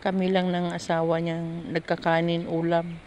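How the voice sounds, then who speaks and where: A woman with a lowish voice talks casually and candidly about her days working in a household. She rambles, breaks off mid-phrase and picks the thought back up. A faint hiss of noise sits under the recording. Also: completely flat delivery, moderate pace, darkish tone. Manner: candid, rambling storytelling with frequent restarts. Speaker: domestic helper vlogger. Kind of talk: casual chat.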